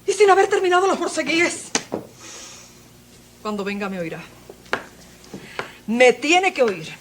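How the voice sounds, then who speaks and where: Una actriz cubana interpreta a la joven esposa del zapatero, de genio vivo y dramático, que pasa de regañar a lamentarse entre exclamaciones. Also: female voice, very high voice, lively intonation, moderate pace, background noise. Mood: indignant, scolding. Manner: exclamatory, swinging between scolding and lament. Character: fiery young shoemaker's wife, quick-tempered, dramatic. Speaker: stage actress. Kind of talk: theatre performance.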